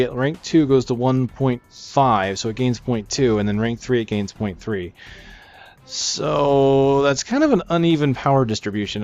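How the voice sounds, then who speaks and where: As narrator of a gaming video, a man with a medium, slightly mellow voice gives relaxed walkthrough commentary. Game music runs underneath, captured on a somewhat dull mic.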